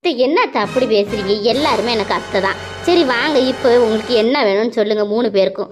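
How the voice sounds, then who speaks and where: A woman voicing a gentle, polite young woman in a cartoon, speaking softly and kindly. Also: fairly high pitch, animated, quick pace, music in the background, natural voice. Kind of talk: cartoon voice acting.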